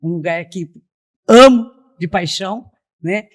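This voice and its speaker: Speaking unhurriedly in a lowish voice, a middle-aged missionary woman from Piracicaba, São Paulo state, Brazil, tells her personal testimony as a podcast guest. The interview is conversational, and she keeps checking in with "né?".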